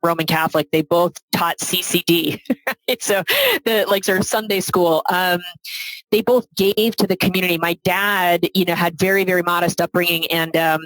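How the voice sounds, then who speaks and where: A woman's voice: on the low side, fairly even intonation, moderate pace, fairly bright tone, dry recording, poor audio. A middle-aged woman speaking as a guest in a podcast interview, talking reflectively and often adding "right?" to her sentences. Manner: reflective, adds frequent "right?" tag questions. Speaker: guest, philanthropy advisor.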